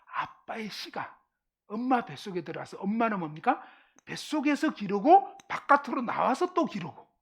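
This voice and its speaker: Woman, middle-aged, rural Korean upbringing, classroom lecture, rhetorical questions, checks understanding, slightly high voice. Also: very animated, normal speed, breathy edge. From Korean countryside. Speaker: Bible class teacher. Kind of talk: lively lecture to a live class.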